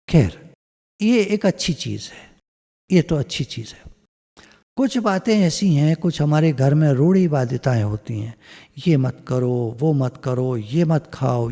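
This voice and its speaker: Over a video call, a spiritual teacher gives a chatty satsang talk in a mellow, slightly high voice, stacking repeated phrases into lists. His throat sounds a little scratchy, and his voice trails off into a long reverb.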